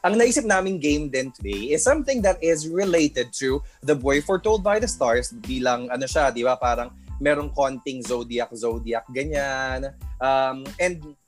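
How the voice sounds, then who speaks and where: A host with a Filipino accent who leads a chat show in an expressive way and mixes English with Tagalog. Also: medium pitch, moderate pace, faint music behind. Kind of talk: casual talk-show chat.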